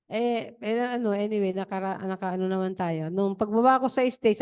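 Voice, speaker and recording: A woman's voice: medium pitch, darkish tone, clean tone. A woman preacher giving a chatty, digressive testimony during a worship service.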